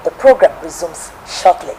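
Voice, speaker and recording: A woman from Nigeria hosting a television testimony program and reading a formal, measured biographical narration. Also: lowish voice, lively intonation, over loud music, poor audio.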